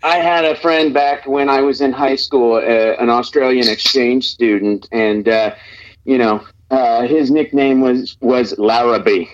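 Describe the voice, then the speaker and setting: A man's voice: medium pitch, fairly even intonation, measured pace. A man from Nebraska on speakerphone, guesting on a radio show in an easygoing, rambling chat full of fillers and restarts. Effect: heard over speakerphone. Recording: dull, muffled speakerphone line.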